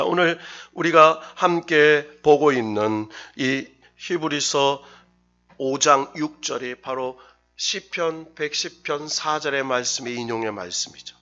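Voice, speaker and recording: Bright-voiced male pastor preaching. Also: mid-range voice, highs cut off. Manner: preaching with rising emphasis, leading the congregation in reading. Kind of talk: sermon. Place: church sanctuary.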